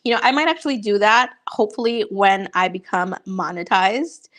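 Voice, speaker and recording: A woman's voice: medium pitch, normal speed, fairly bright tone. A young woman from Honduras, a YouTuber casually chatting with viewers and answering their questions, upbeat and full of fillers. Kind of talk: casual livestream chat.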